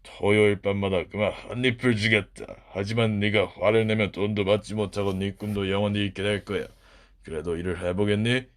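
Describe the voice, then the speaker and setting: A man voicing a huge, mean castle master in a children's storybook, speaking slowly, low and mocking. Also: steady tone, lightly acted. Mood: gruff.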